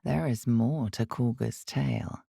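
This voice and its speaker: A woman voicing the ominous narrator of a dark video game, speaking in a gravelly, husky voice. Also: a bass voice, a little slow, full character voice.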